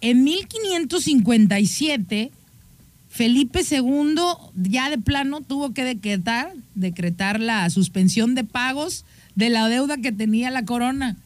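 A woman's voice: on the high side, animated, a little slow, no echo. A woman with a Mexican accent hosts a show. She tells history in a casual, playful, teasing way. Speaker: host.

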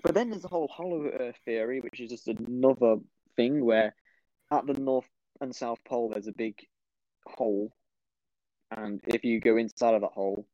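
A young man chats on his podcast with lively, animated energy, hopping from topic to topic. His voice sits dry and close on a slightly dull-sounding mic. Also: medium pitch, moderate pace, dry recording. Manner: animated, jumps between topics, mocking voices. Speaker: podcast host. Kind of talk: casual podcast chat.

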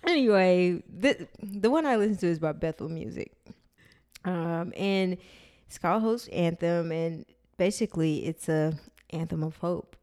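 Woman, low voice, soothing, laid-back, podcast co-host, casual chat. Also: a little slow, a little mellow.

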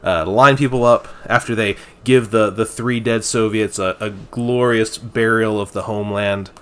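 Low-voiced man recapping a film dryly. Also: fairly even intonation, normal speed, a bit bright, smooth. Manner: dry, wry recapping. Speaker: podcast co-host. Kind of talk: casual movie-review chat.

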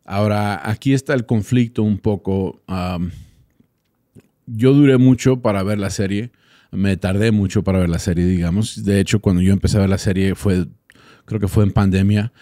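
Hosting a casual podcast on his own, this Texan man, a native English speaker with an American accent, frequently pauses while searching for words. He speaks at a normal speed in a low, steady, dark-toned voice, captured in studio quality with no room sound.

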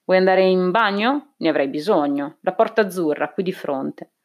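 A woman reading as a croaky, hoarse aging male scientist, wary and nervous on a lonely space station. His words come out halting and suspicious, pitched a touch low in her reading. This is an audiobook character in a science fiction novel. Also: lo-fi sound, lightly acted.

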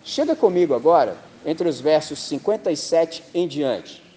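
Animated Brazilian preacher, slangy and lively. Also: male voice, a little high, moderate pace, long reverb tail. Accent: Brazilian Portuguese. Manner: lively, slangy, rhetorical questions. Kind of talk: sermon.

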